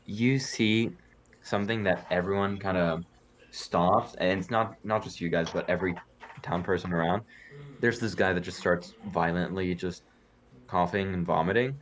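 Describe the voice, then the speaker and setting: A man narrating as game master in a casual, halting way with fillers. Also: deep voice, fairly even intonation, a little hiss or hum.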